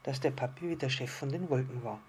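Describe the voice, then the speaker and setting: A man voicing a patient, kindly island fish who calmly explains things in a storybook reading. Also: medium pitch, quick pace, a little hiss or hum, lightly acted. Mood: explaining. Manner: calm, explaining, gently teasing.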